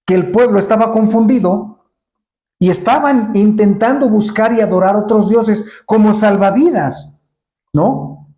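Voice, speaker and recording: A man's voice: high voice, a little slow, warm tone, echoey room. A man preaching a sermon in a church, asking the congregation rhetorical questions and acting out Bible scenes.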